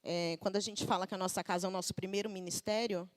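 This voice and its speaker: A Brazilian woman in her thirties preaching a conversational sermon in a church. She often asks the congregation questions and acts out little everyday quotes. Her voice sits at an ordinary middle pitch. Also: steady tone, fast. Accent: Brazilian Portuguese. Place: church service.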